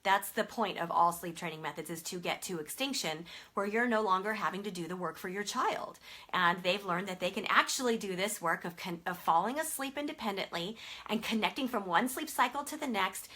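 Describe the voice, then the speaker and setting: A woman's voice: mid-range voice, brisk, sharp tone. A woman sleep consultant explaining a method to parents in a conversational way, with many fillers and emphatic stresses.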